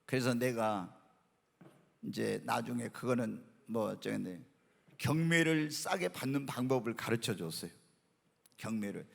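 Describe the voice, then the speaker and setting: A middle-aged man preaching a sermon as pastor, telling stories in an animated way and acting out quotes. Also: mid-range voice, measured pace, gravelly, pauses often. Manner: animated storytelling with acted quotes. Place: church sanctuary. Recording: long hall reverb.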